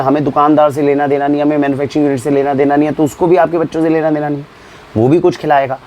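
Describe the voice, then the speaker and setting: Indian man, organic store owner, lively explainer talk, exasperated questions, somewhat high voice. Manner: animated, exasperated rhetorical questions.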